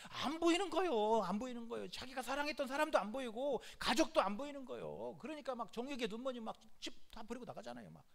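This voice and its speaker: Male pastor, sermon, high voice, emphatic, repetitive, frequent hallelujah calls. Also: creaky.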